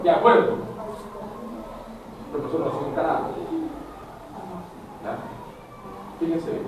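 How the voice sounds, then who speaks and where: A Chilean man in middle age teaches a classroom lecture with a fairly high voice, talking straight to his students. He is picked up from far across the room, so his voice booms in a very echoey space with clear background noise. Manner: animated, addresses students directly, acts out dialogues. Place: school classroom. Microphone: camera at a distance.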